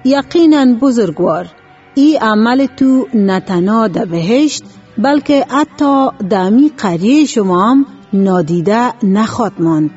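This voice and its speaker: Lady putting on a slick fake angel, ceremonious, soft music under it. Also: fairly high pitch, lively intonation, highs cut off. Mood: smooth. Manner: smooth-talking, ceremonious. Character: sly thief posing as an angel.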